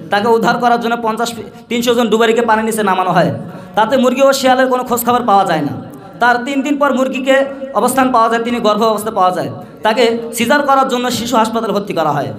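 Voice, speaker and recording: A man's voice: very high voice, quick pace, a bit bright. A man playing a parody news anchor, reading absurd bulletins in a mock-formal, serious way. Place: echoey room or hall at a madrasa event. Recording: echoey event-hall recording.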